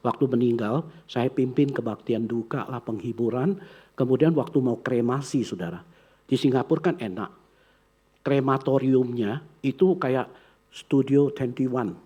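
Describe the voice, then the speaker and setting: A male pastor, telling a story in his sermon and acting out the characters' voices with big swings in pitch. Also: mellow, breathy edge, highs cut off. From Indonesia.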